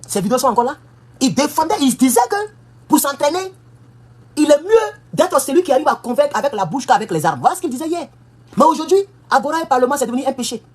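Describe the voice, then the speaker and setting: A woman's voice: high-pitched, very animated, fast talker, darkish tone. A woman giving an impassioned political monologue, emphatic and scolding, firing off rhetorical questions. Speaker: political commentator. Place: United States.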